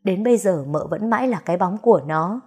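A woman's voice: mid-range voice, lively intonation, fairly quick, dark tone, breathy edge. A woman storyteller narrating a melodramatic story in an emotive manner.

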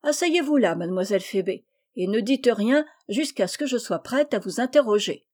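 An eager, warm-hearted little girl from a storybook, bright and raised in pitch, as a woman reader puts her on. She chatters quickly and pushes her ideas, bossy when she plays teacher. The tone stays soft and mellow. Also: expressive. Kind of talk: storybook reading.

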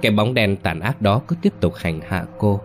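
Deep voiced guy reading a ghost story, slow and ominous, soft music under it. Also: lively intonation. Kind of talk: scripted horror story narration.

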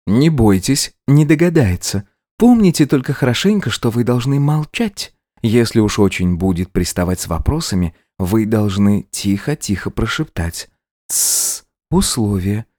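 A man's voice: very animated, normal speed, dry recording, studio quality. A man doing a coaxing, scheming young wife. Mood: insistent. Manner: coaxing, insistent, soft high voice.

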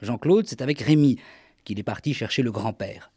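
A man's voice: mid-range voice, moderate pace, warm tone, husky, dry recording, clean studio sound. A man hosting a radio show, delivering scripted comic narration in a wry, mock-solemn way. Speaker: radio host. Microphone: studio microphone.

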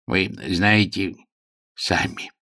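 A man voicing a vague, mild elderly earl who speaks softly and hesitantly in an audiobook. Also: sits low, little pitch movement, no room sound, clean studio sound, full character voice. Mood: bewildered. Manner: soft hesitant slow.

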